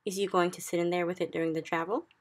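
A woman's voice: level tone, fast, lightly acted. A woman reading aloud and voicing a kindly male giant who talks in muddled, made-up words. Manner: booming, mangled words.

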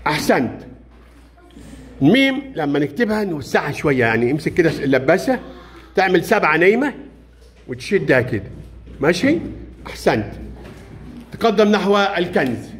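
A man's voice: a little high, very animated, fairly quick, pauses often, fairly bright tone, a little hiss or hum. A man with an Egyptian accent teaching young pupils in a classroom, encouraging them and praising their answers often. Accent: Egyptian Arabic. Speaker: primary school teacher.

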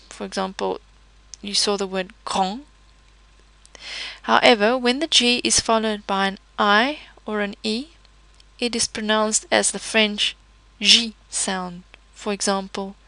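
Woman teacher, unhurried pronunciation lesson, slight vocal fry, dry close sound. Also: medium pitch, pushed and bright, no room sound, low-quality recording. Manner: patient, explains each letter with example words. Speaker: language teacher. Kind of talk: slow, careful pronunciation lesson.

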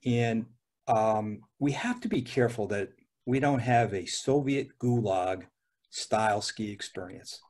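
A man in his sixties, speaking on a panel over a video call from a dim room at home, halting, with many restarts and fillers. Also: on the low side, a little mellow. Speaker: ski area owner on a panel. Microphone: video call webcam.

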